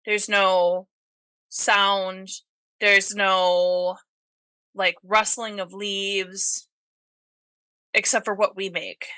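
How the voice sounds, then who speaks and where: A woman playing a tabletop game, speaking hesitantly with many pauses. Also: medium pitch, level tone, pushed and bright, dry recording. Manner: hesitant, lots of ums and restarts. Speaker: player. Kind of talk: casual in-game chat.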